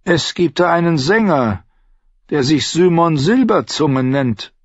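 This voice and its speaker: A man's voice: a little high, expressive, slow pace, no room sound, highs cut off, voice pushed up. A man voicing a weary, sarcastic small nobleman, speaking sharply and urgently.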